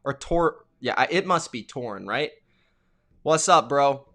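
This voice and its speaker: A young man hosting a live play-by-play reaction stream, chatty and excitable, greeting viewers by name as he calls the plays. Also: medium pitch, a little slow.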